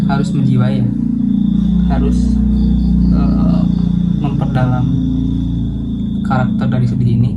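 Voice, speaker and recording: Slow, flat-voiced hesitant man. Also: mid-range voice, dull audio. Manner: hesitant, thinking aloud with self-corrections. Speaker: vlogger doing a speaking challenge. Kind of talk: casual practice monologue to camera. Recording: crickets and insects chirping behind.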